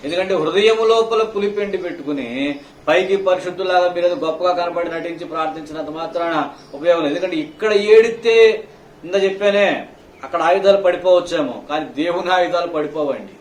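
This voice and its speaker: A male pastor preaching a sermon, scolding his listeners with rhetorical questions, swinging between loud outbursts and hushed low phrases. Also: fast talker, distant mic. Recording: echoey hall, faint room noise.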